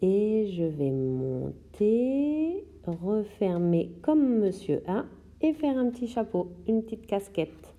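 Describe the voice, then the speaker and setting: A woman teacher giving a slow, step-by-step handwriting lesson to young children, describing each stroke as she writes. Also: mid-range voice, big pitch swings, mellow. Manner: slow, step-by-step instructions while writing. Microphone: tablet microphone.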